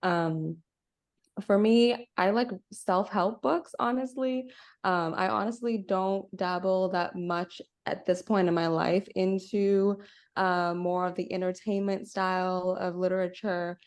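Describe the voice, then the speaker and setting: Woman, young adult, podcast co-host, lower voice, reflective casual talk over a call. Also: fairly even intonation, slow pace. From Bahamas. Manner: reflective, self-introducing, often says "kinda" and "right?". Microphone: video call.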